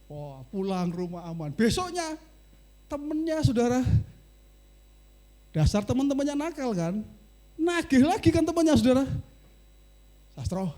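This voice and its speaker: A male pastor, preaching a sermon as a lively storyteller who keeps addressing the congregation. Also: very high voice, moderate pace, long pauses.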